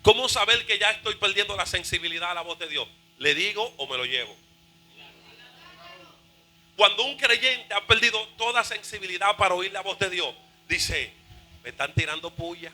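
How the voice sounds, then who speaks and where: A male pastor preaching a fervent sermon, shouting and half-singing his phrases. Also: high voice, animated, normal speed, soft background music, poor audio.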